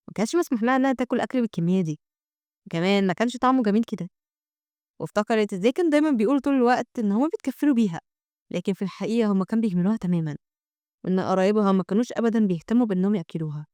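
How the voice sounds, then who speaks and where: A woman's voice: medium pitch, expressive, rapid-fire, dark tone, smooth, no room sound. A woman with an Egyptian accent narrating a comic summary in a chatty, storytelling manner. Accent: Egyptian Arabic.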